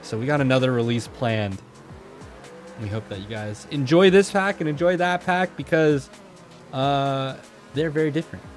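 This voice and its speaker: A man hosting a sim racing drift competition livestream, chatting casually and switching into excited play-by-play commentary, with faint music behind him. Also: medium pitch, normal speed. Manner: chatty, laid-back, bursts into hype play-by-play.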